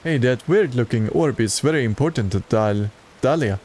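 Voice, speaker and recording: A man's voice: mid-range voice, lively intonation, normal speed, a little mellow. A man streaming a video game and reading its dialogue aloud in a plain way, with occasional stumbles.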